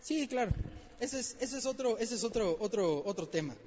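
A man's voice: very high voice, lively intonation, normal speed, a little mellow, slight background noise. A man preaching a conversational sermon, asking rhetorical questions and repeating phrases for emphasis. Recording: long hall reverb, dull lo-fi sound.

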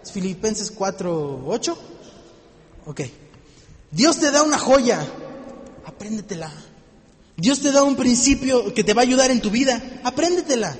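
A man preaching a lively sermon, joking and acting out little scenes for his listeners. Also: very high voice, a little slow, long pauses, big-room sound.

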